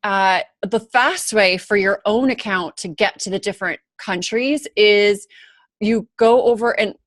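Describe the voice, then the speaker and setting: A woman's voice: medium pitch, unhurried, no echo. A woman hosting a casual video chat as a book-launch coach, explaining steps and laughing often.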